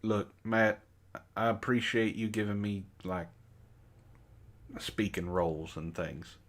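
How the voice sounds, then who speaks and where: On a comedy book club show, a man with a lowish voice slowly reads bad fan fiction in a mock-dramatic style, breaking off for exasperated, sarcastic asides.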